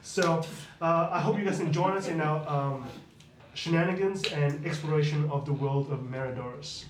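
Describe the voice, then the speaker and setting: A man who is game master and host of a tabletop game show, talking in an excited, chatty way around a table in a studio. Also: a little high, moderate pace. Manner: excited, chatty, laughs often. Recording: roomy, distant mic with noise.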